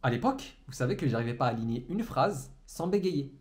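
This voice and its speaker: A man, an entrepreneurship trainer, giving a motivational talk to a camera in a room, talking very fast and stumbling and repeating words as he goes. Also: mid-range voice, big pitch swings, a little mellow. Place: room, indoors. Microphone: camera in front of him.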